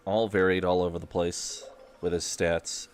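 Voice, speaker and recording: A man's voice: low voice, level tone, moderate pace. A man casually commenting to himself while playing a game, offhand and muttering. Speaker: gaming streamer.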